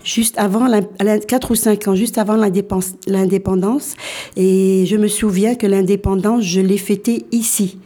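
A woman in her sixties, born in Algeria, telling her life story as a radio guest and often pausing to restart her sentences. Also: medium pitch, steady tone, warm tone. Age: 60s. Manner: hesitant, many fillers and restarts.

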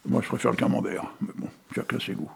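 A man's voice: medium pitch, fast, vocal fry, a little mellow, slightly rough. A man hosting a local radio show, reading poems and puns in a rambling, chatty way and chuckling at his own jokes.

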